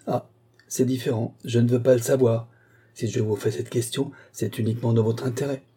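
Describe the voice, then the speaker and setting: A man's voice: mid-range voice, flat delivery, brisk, warm tone, husky, lightly acted. A man reading an audiobook voices a scolding, disdainful woman who keeps house for a priest. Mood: haughty.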